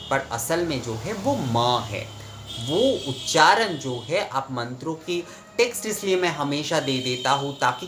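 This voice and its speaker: A man's voice: on the high side, a little hiss or hum. Man explaining mantra pronunciation. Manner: conversational, repeats phrases, chants Sanskrit lines in a steady rhythm.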